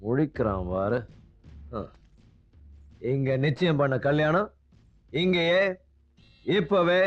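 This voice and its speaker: Drunk young son, slurry and mocking, high voice swinging all over, dull film audio. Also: male voice, big pitch swings, takes it slowly, faint music behind. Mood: bitter. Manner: slurring, mocking then pleading. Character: drunk adopted young man defying his father. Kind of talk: film drama acting.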